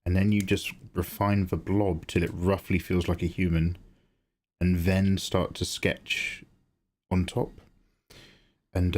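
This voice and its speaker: A man's voice: deep voice, a little mellow. A man chatting casually on a livestream as its host, rambling and thinking aloud. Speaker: streamer and digital artist.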